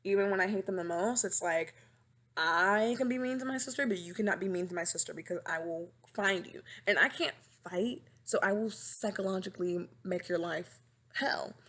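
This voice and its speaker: A woman's voice: mid-range voice, moderate pace. A woman in her twenties hosting her own casual podcast, rambling and dramatic, recorded on a webcam microphone at home. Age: 20s. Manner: animated, rambling, dramatic and self-mocking. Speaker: podcast host. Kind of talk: casual chat.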